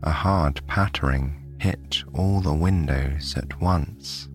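A British man from the United Kingdom narrating a bedtime sleep story in a soft, soothing way. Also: a bass voice, takes it slowly, soft background music.

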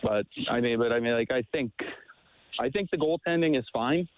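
A man calling in to a sports talk show over the phone, speaking haltingly with many fillers and restarts. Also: mid-range voice. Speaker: caller. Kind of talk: sports call-in chat. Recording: dry tinny phone line.

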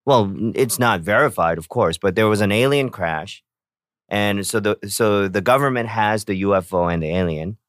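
A man in casual chat who tells stories with animated acted-out reactions. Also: on the low side, moderate pace, dry recording, studio quality. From South Korea. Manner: animated storyteller, acts out reactions.

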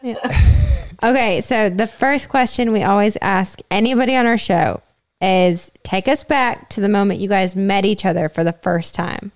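A woman's voice: medium pitch, normal speed. Bubbly woman co-hosting a podcast. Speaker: podcast co-host. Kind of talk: casual chat.

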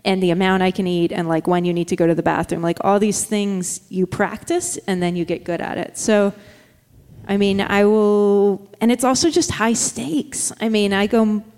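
Woman guest, chatty and quick with many fillers, recorded with a long reverb tail. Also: medium pitch, fairly even intonation, a little mellow, clear, resonant tone. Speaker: guest, dog musher. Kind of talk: casual interview chat.

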